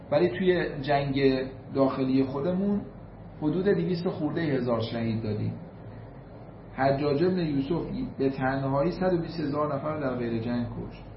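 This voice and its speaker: A man's voice: medium pitch, noisy background. A man from Iran giving a storytelling sermon, emphatic, repeating key points and reciting Arabic quotations before translating them. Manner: emphatic, repeats figures for weight. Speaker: religious lecturer. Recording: roomy, slightly dull recording.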